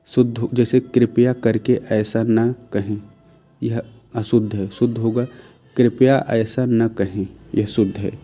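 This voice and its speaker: In this spoken grammar lesson, a man teaches Hindi by reading each sentence and declaring it correct or incorrect. Sometimes he poses quiz-style questions and answers them himself. His medium-pitched voice is warm and unhurried, with fairly even intonation and faint music behind.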